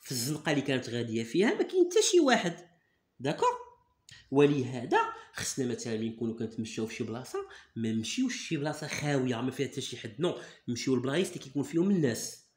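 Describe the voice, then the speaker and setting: A man's voice: mid-range voice, big pitch swings, racing. A man with a Moroccan accent tutoring a child in reading, coaxing and repeating words to drill them. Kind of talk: reading lesson. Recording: echoey room.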